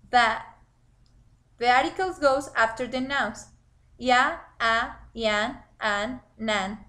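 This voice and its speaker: A woman presenting a scripted lesson, deliberately reading out rules and examples. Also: fairly high pitch, bright, forceful tone.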